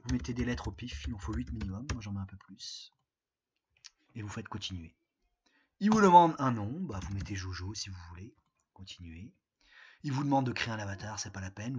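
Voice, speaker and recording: A man's voice: lowish voice, slightly rough. A man from France, an English teacher, recording a remote lesson and walking his students patiently through each step, with many fillers. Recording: dull lo-fi sound.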